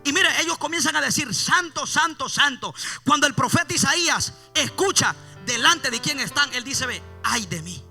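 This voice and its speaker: A man preaching an impassioned evangelical sermon, repeating his refrains and swelling loud, then dropping low. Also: normal speed, gravelly, faint music behind. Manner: impassioned, repeats "mi amado hermano".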